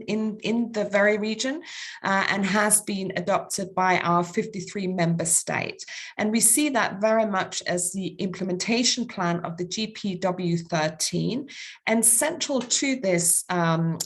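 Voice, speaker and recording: A woman speaking English with a Danish accent, delivering a formal presentation at a mid-range pitch. She works through a list of points and hesitates often, filling pauses with ums and uhs. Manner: halting, many ums and uhs, lists points. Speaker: conference speaker.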